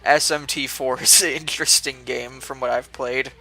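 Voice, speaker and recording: A man's voice: mid-range voice, fairly even intonation, moderate pace, sharp tone, faint music behind. A young man casually commenting while streaming a video game, rambling with fillers and restarts.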